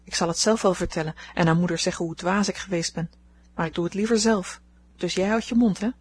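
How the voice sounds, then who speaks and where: A woman reading aloud, voicing a young woman at a ball who is full of regret, with a husky voice. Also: fairly low pitch, steady tone, a little fast. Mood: pleading.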